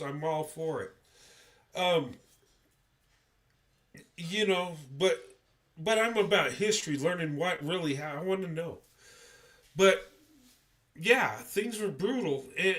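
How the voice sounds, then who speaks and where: He's a livestream host with a high voice and a fairly bright tone, sounding congested through a stuffy nose. The stream is casual, and he talks in a hesitant, meandering way with many fillers and restarts.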